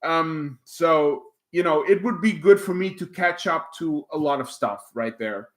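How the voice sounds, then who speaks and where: This livestream host is a man whose native language is Dutch, and it shows in his accent. Speaking unhurriedly at a fairly high pitch, he chats loosely with viewers and reads out their comments, wandering off track with plenty of fillers and false starts.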